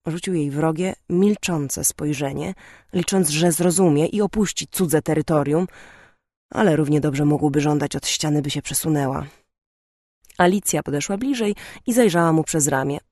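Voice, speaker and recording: A woman reading an audiobook aloud, telling the story in a clear, expressive way. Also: sits low, moderate pace, no echo, clean studio sound. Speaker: audiobook narrator. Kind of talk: audiobook narration.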